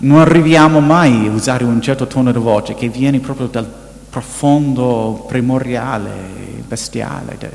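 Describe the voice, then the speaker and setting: A man, seemingly a priest, quietly telling a personal story in a sermon, recorded in an echoey hall. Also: medium pitch, measured pace, gravelly. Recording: echoey hall with long reverb.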